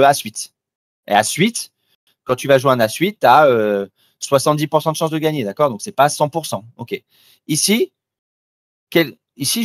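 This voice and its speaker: A trader with a voice on the high side talks directly and informally to the listener during a live trading demo, restarting his sentences frequently. The recording is studio quality and free of echo.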